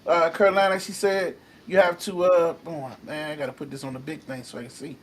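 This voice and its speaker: A man with a slightly high voice runs a casual call-in discussion, scrolling through viewer comments as he goes. His delivery is loose and excitable, jumping up in volume when he drives a point home. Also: a little fast. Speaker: podcast host reading live comments. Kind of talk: casual chat.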